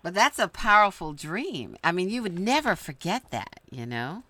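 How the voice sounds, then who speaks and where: A woman's voice: fairly low pitch, big pitch swings, moderate pace, pushed and bright. A woman hosting an interview, reacting and asking questions in several parts. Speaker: interview host.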